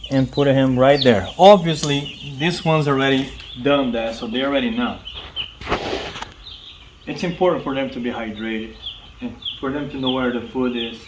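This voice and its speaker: A man's voice: medium pitch, background noise. A man hosting a vlog, casually explaining step by step how to care for baby chicks beside a coop. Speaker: vlog host.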